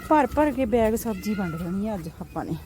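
A woman's voice: mid-range voice, lively intonation, fairly quick. A woman with a Punjabi accent chatting casually to viewers in an outdoor vlog, with dramatic exclamations and sing-song repeated phrases. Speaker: vlogger. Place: outdoors in a vegetable field. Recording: faint outdoor farm background noise.

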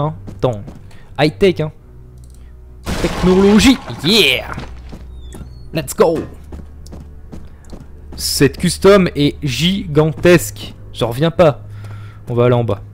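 Here a young man with a darkish, mid-range voice provides live commentary on a horror game he's streaming. He's chatty and full of jokes, reads his chat aloud, and lets out yelps and laughs whenever something scares him.

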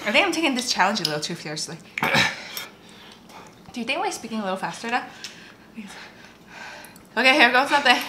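A woman's voice: a little high, expressive, a little fast, pauses often. A woman in her twenties chatting casually in a home kitchen as she eats spicy food. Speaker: mukbang challenge host. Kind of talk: casual chat while eating spicy food. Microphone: camera a few feet away. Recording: echoey room, loud dish clatter and noise.

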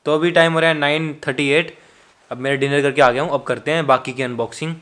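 A man's voice: a little high, fairly even intonation, quick pace, a bit bright. A man chatting easily to the camera as a vlogger, in casual vlog talk. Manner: chatty, easygoing, talks to camera. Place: sunny rooftop outdoors.

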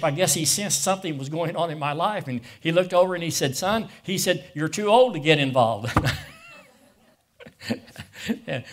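Male pastor, middle-aged, passionate emotional preaching, slightly high voice. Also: a bit bright. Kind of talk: sermon.

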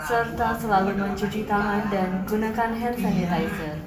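A woman giving formal airport boarding calls over a PA system in a slow, measured announcing manner. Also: medium pitch, fairly even intonation, over a noisy crowd. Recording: echoey, faint background hiss.

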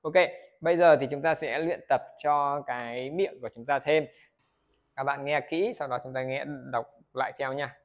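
In a lo-fi video lesson on English pronunciation, a Vietnamese man speaks at a normal speed in a medium, steady voice. He repeatedly asks his viewers questions, supplies the answers, and demonstrates words for them to say back.

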